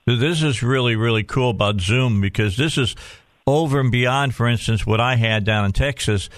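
A man's voice: medium pitch, moderate pace, no room sound. A man hosting a talk radio show in an informal, folksy way, often repeating phrases for emphasis.

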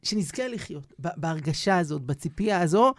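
A man who is a rabbi telling stories on a radio show, animated and acting out the scenes. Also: on the high side, dry recording, studio quality. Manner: animated storyteller, acts out scenes. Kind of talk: radio storytelling.

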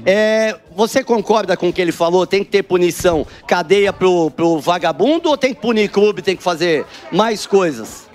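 A man's voice: sits high, expressive, moderate pace, few pauses, a little mellow, soft background music. A man working as a street reporter, pushy and jokey, teasing passers-by outdoors at a lunch spot. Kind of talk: provocative comic street interviews.

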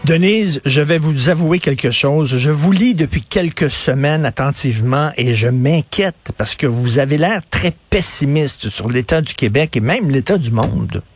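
A man with a Québécois accent hosts a radio interview. He has a slightly high voice recorded dry and close, and he teases his guest in a friendly way. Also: animated, a little slow, hardly any pauses, husky, no room sound, faint music behind. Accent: Québécois French. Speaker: radio host.

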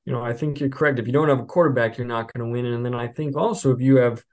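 A man hosting a sports podcast as beat reporter, talking in a relaxed, rambling way with many fillers and restarts. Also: medium pitch, fast. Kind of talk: casual sports podcast chat.

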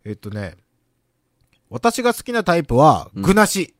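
A man's voice: a little high, wildly swooping pitch, measured pace, dry recording, studio quality. A man with a hosting a radio show, chatting casually in a playful, teasing way and laughing often. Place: radio studio.

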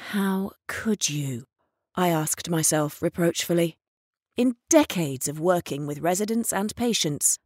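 A woman's voice: fairly low pitch, a little mellow, no room sound, studio quality. A middle-aged woman, a music therapist, narrating a personal story in an earnest, reflective way.

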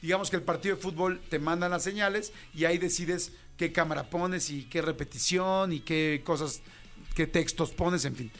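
A man's voice: on the high side, moderate pace, a bit bright, soft background music. A Mexican man in his fifties, a radio host animatedly telling a slangy story about his first job and acting out the voices in it. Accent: Mexican Spanish. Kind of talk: casual storytelling.

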